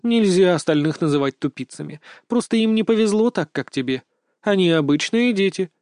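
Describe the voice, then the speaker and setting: A man voicing a calm, doting grandmother in an audiobook, soothing and gently lecturing. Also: high-pitched, a little fast, no echo, studio quality, pitched above the performer's own voice. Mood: fond. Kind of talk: audiobook character voice.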